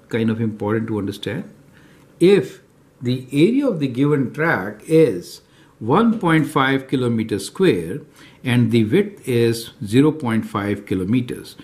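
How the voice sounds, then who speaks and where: A man teaching a recorded math lesson, working through problems step by step and often checking in with "right?" and "is that clear to you?". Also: mid-range voice, a little mellow. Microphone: off-camera voice over handwritten notes.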